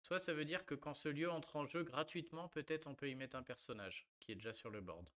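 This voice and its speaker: With a slightly high, a bit quick and somewhat bright voice, a card game content creator rambles about decks and a giveaway. It's relaxed gameplay commentary, chatty and full of fillers.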